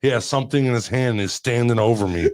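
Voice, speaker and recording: A man hosting a loose podcast conversation, spinning long stories full of swearing. His voice sits at a middle pitch. He breaks into sudden yelps when he acts out the scary parts. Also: fast talker. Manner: animated storyteller, swearing, loud yelps when acting out scares. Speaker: podcast host. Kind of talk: casual podcast chat.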